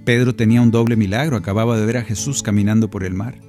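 Mellow-voiced man preaching over guitar. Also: fairly low pitch, steady tone, fast talker. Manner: earnest, gently persuasive, speaks directly to the listener. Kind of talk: conversational preaching reflection. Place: home recording studio.

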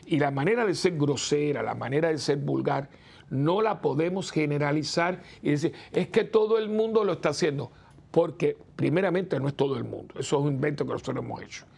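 Gravelly-voiced priest talking with his listeners. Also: on the high side, brisk, darkish tone. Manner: chatty, asks the listeners rhetorical "¿no?" questions; acts out the people he quotes. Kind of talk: conversational preaching talk.

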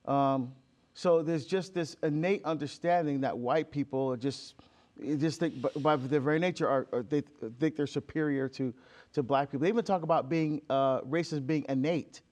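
This Barbadian man, a deacon and author, speaks emphatically as a guest in an impassioned, conversational interview, acting out quoted exchanges. His voice is fairly high and darkish in tone, moving at a normal speed, with many fillers and restarts.

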